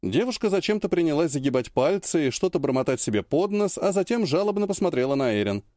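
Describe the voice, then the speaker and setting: A man narrates an audiobook in a lively, varied voice. The recording is dry and close, with no room sound. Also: a little high, fast talker, no room sound. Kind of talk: scripted narration.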